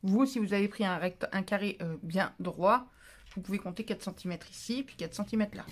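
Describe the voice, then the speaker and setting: A woman's voice: medium pitch, brisk. A woman giving a casual step-by-step craft tutorial, chatty and often correcting herself mid-sentence. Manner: chatty, self-correcting, stumbles over words; scolds and coos at her cat between steps. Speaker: papercraft tutorial maker.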